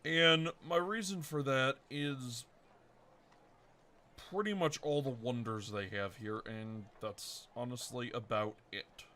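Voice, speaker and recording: A man's voice: medium pitch, slow pace, bright, forceful tone. A man hosting a let's-play video, casually thinking aloud and correcting himself as he plans his moves. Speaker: game commentator.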